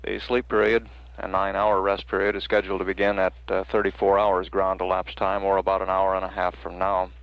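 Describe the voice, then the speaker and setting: A man with a gravelly voice giving measured, hesitant official status reports as a mission control announcer. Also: low voice, completely flat delivery, no echo. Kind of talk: halting factual status report. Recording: dull archival broadcast feed.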